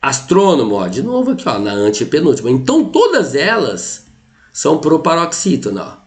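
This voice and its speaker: A middle-aged Brazilian man teaching a language lesson as he goes through exam questions. His pitch is average but swings widely. He explains step by step and keeps checking in with the listener. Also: huge pitch swings, a little fast. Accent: Brazilian Portuguese. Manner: explains step by step, constantly says "ó" and "tá?". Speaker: Portuguese teacher.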